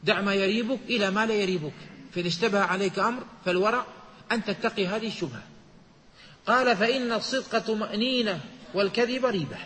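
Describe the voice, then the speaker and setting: High bright-voiced man teaching in a hall. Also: slight background noise. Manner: measured teaching, quoting and explaining texts. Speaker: Islamic scholar. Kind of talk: religious lesson explaining hadith.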